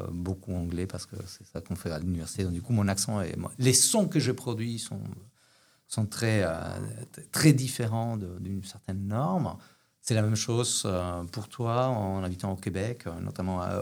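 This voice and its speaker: A man from Argentina speaks French with a clear Argentine Spanish accent. His voice sits slightly low with a gravelly, fry-tinged texture. He reasons through abstract ideas in a hesitant interview manner, full of fillers and restarts. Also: a little mellow. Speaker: philosophy guest. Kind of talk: academic interview.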